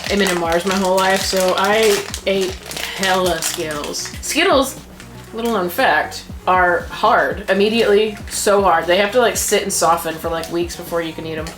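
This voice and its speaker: A woman's voice: fairly low pitch, a little fast, over music. A woman in casual, slangy chat while eating sour candy with friends. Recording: roomy, echoey sound.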